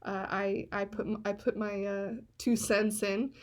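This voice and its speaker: A woman's voice: mid-range voice, little pitch movement, measured pace, a loud crowd. Woman pastor hosting a casual chat. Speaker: pastor and host.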